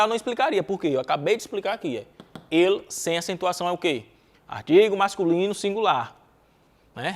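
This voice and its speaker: A Brazilian man with a Brazilian Portuguese accent teaching an exam-prep grammar lesson. He asks himself rhetorical questions, answers them, repeats key words and keeps checking in with "ok?". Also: sits high. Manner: checks in constantly with "ok?" and "né?". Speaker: Spanish teacher.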